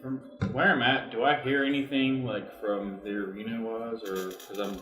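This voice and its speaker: A man's voice: medium pitch, fairly even intonation, moderate pace, a bit bright. A man playing a tabletop game, chatting casually as a player. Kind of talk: casual chat. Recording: echoey, distant mic, music behind.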